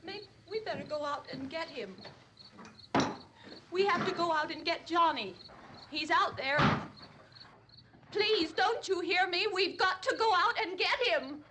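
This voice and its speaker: An actress playing a fragile young woman in shock in a 1960s horror film, speaking haltingly and breaking into sobs. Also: very high-pitched, lively intonation. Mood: pleading. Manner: halting, dazed, breaking into hysterical crying. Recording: old noisy film soundtrack.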